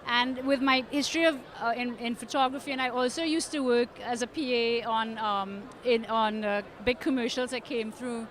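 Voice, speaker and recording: A woman's voice: on the high side, steady tone, crowd noise. A middle-aged woman with a Trinidadian accent, a film producer answering questions on a red carpet, full of restarts and fillers. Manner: halting, many restarts and fillers. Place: outdoor red carpet event.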